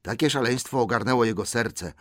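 A man reading an audiobook aloud in an expressive style that builds suspense. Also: mid-range voice, brisk, no room sound, studio quality. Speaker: audiobook narrator. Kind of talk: dramatic audiobook narration.

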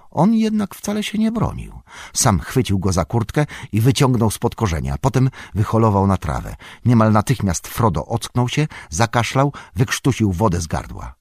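A man narrating a storybook with a very deep voice and a lively, swinging pitch. His tone is husky, recorded close and dry with no room sound. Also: dry recording. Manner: expressive, dramatic reading. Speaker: audiobook narrator.

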